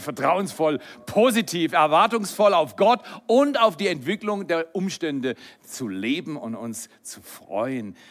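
A middle-aged man preaching a sermon, lively and animated, swinging between loud exclamations and soft whispered lines. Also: medium pitch. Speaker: pastor.

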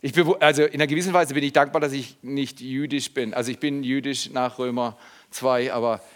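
A man preaching a sermon, swinging between quiet reflection and loud, emphatic passages. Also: mid-range voice, steady tone, a little fast.

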